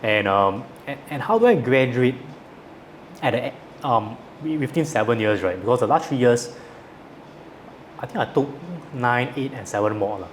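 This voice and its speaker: A man's voice: medium pitch, moderate pace. A man in his thirties with a Singaporean accent, telling his story as an interview guest in colloquial Singlish with sentence-final particles. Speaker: guest, entrepreneur. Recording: clear background noise.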